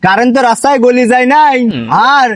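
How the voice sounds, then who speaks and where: A man's voice: very high-pitched, fast, fairly bright tone, dry recording, studio quality. A man playing a cheated villager in a comic drama, scolding and mocking the others. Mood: exasperated. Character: exasperated male villager, loud and mocking.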